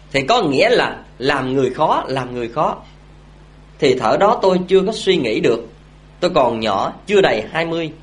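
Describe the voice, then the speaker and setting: Man, buddhist talk, raised pitch, very animated delivery. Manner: storytelling, asks the audience questions. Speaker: Buddhist speaker. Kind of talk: dharma talk to an audience.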